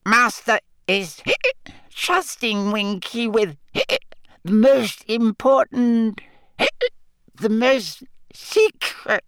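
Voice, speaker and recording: A man voicing a drunken, tearful little female house-elf who squeaks, coughs and hiccups as she talks. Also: lively intonation, drawn-out words, long pauses, fairly bright tone, clear, resonant tone, no echo, studio quality, exaggerated voice. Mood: indignant.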